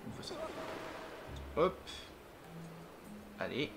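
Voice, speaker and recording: A man giving casual gameplay commentary as a let's play host, thinking aloud and hesitating with many fillers. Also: very slow. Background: game music.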